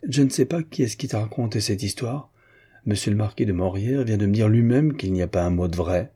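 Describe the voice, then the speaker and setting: A man reading the lines of a stout, agitated older banker in a storybook novel, with a husky, dark voice. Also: on the low side, brisk. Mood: pleased. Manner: reproachful, eager.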